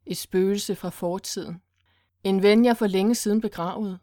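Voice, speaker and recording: A woman voicing a frightened man who speaks softly to soothe his partner. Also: medium pitch, steady tone, dry recording, clean studio sound, lightly acted. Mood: soothing. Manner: soft, soothing. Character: frightened man trying to stay calm.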